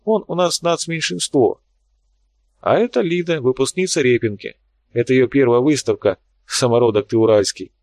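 A man's voice: mid-range voice, normal speed, a little mellow, no room sound, natural voice. A man reading an audiobook, voicing a jovial young man with an ironic, teasing manner. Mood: mocking.

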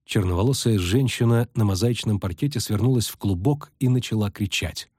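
A man reading a fantasy novel aloud in measured, even narration. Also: on the low side, husky, no echo, studio quality. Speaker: audiobook reader. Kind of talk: scripted narration.

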